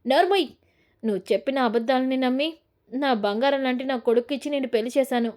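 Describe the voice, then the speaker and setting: A woman puts on a sharp-tongued mother-in-law from a family drama, high-voiced and quick to anger. She scolds and shouts at the younger women of the house in a storyteller's retelling. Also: steady tone, close to an everyday voice. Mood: angry scolding.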